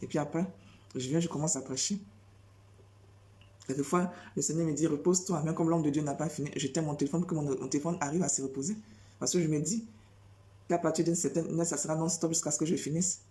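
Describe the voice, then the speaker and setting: Une femme qui prêche sans notes, répète ses phrases et enchaîne les questions rhétoriques avec insistance. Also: female voice, low-pitched, fairly even intonation, fast, mellow. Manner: repetitive, rhetorical questions, emphatic. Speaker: preacher. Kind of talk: spontaneous preaching monologue.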